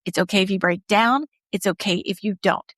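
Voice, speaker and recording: A woman's voice: mid-range voice, fairly quick, fairly bright tone, dry recording, clean studio sound. A middle-aged woman hosting her own podcast, talking casually and openly, speaking straight to her listeners. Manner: chatty, open, addresses listeners directly. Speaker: podcast host. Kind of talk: casual solo podcast talk.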